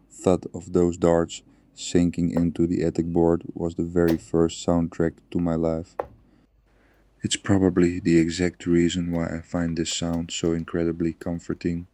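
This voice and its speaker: A man speaking softly and soothingly in a slow, gentle ASMR relaxation and storytelling style. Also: deep voice, no echo. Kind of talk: soft-spoken ASMR guided relaxation and storytelling.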